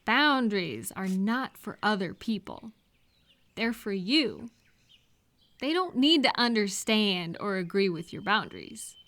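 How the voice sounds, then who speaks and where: In an audio roleplay, a woman offers supportive advice to one listener, speaking conversationally and sounding reassuring and explanatory. Her voice is mid-range and a bit bright.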